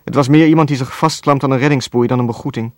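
A man reading a novel aloud as narrator, in a calm, even storytelling voice with a dry wit. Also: medium pitch, fast, no room sound. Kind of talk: scripted audiobook narration.

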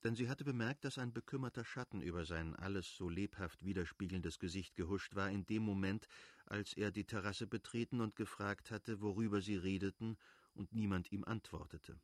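A man narrates a classic novel in a calm, measured reading. His voice sits low and sounds close and dry. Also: no room sound. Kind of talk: audiobook reading.

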